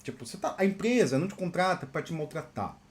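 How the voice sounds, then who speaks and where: A Brazilian man hosting his own channel, telling stories from his software career in a loose monologue. His voice sits high and swings widely. He talks at a rapid clip and keeps checking in with a quick "né?". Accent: Brazilian Portuguese. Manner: animated, peppers talk with "né?". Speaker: software engineer and channel host. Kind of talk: casual storytelling monologue.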